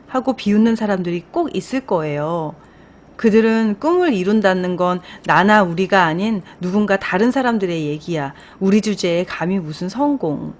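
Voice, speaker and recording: An upbeat, wise woman bus driver, earnest and encouraging as she hands out firm advice, voiced by a woman reading a storybook aloud. Her pitch sits in a plain middle range. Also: close to an everyday voice.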